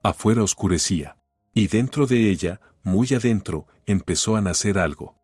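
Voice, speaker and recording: A man narrating a family drama in an even, steady audiobook story reading. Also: lowish voice, moderate pace, husky, dry recording, clean studio sound, soft background music.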